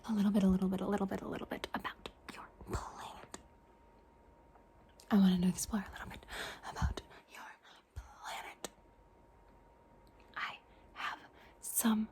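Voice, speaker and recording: A woman's voice: mid-range voice, dark tone, close to an everyday voice. A woman voicing a playful, curious alien visitor in an ASMR roleplay, whispering and repeating trigger words over and over.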